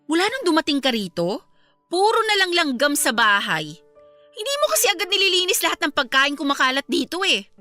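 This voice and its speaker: Diane, a sneering boss. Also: female voice, sits high, sing-song, a little fast, sharp tone, soft background music, full character voice. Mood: scornful. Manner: sneering, contemptuous scolding. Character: cruel haughty woman employer, scornful. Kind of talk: radio drama acting.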